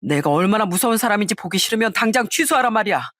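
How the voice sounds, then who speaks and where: A woman's voice: mid-range voice, expressive, fast, dry recording, clean studio sound. A woman doing a hot-tempered, bullying young man. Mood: angry. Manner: shouting threats, sneering.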